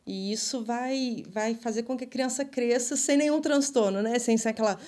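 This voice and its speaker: A woman with a somewhat high voice chats as a podcast guest about raising children. She drops into quick little acted-out exchanges between parent and child as she talks. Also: a little mellow. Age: adult mother. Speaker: podcast guest, ministry leader. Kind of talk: casual podcast conversation.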